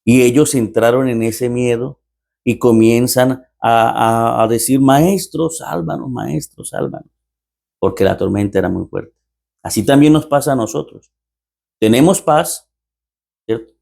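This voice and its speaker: A man's voice: medium pitch, measured pace, creaky, a little mellow. A man preaching as a pastor, telling a story with repeated rhetorical lines and acting out the dialogue. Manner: repetitive rhetorical phrasing, acts out dialogue. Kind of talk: storytelling sermon.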